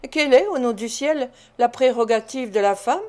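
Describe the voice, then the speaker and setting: A woman reading an audiobook, voicing a sharp-tongued matron who speaks in a sour, disdainful way. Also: on the high side, moderate pace, close to an everyday voice. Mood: scornful.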